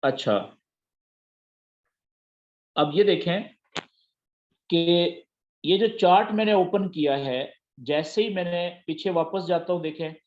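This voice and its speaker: A man's voice: high voice, takes it slowly, long pauses. Patient male trading tutor, dull audio. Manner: patient, repeats key terms and checks understanding. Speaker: forex trading teacher. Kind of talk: screen-share tutorial.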